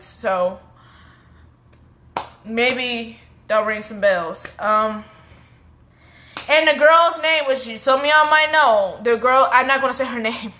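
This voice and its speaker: A vlogger in her twenties from the Dallas suburbs tells a story to camera in a suburban Texas accent. Her voice is high and sharp-toned, and she rambles and corrects herself as she chats.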